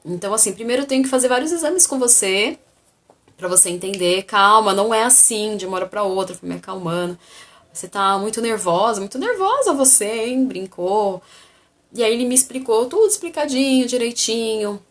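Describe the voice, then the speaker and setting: A woman's voice: medium pitch, a little fast. A woman telling her own story in a casual vlog, acting out the dialogue as she goes. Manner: animated, acts out the dialogue.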